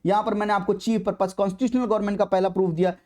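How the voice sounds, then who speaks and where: A man's voice: sits high, level tone, very fast, warm tone. A young man giving an exam prep lecture in a mix of Hindi and English, stressing points by repeating them. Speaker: exam coaching teacher.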